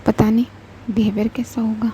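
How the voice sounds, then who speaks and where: A woman's voice: on the high side, flat delivery, a little fast, mellow, a little hiss or hum, natural voice, poor audio. A woman voicing a shy young village woman. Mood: hesitant. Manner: hesitant, unsure.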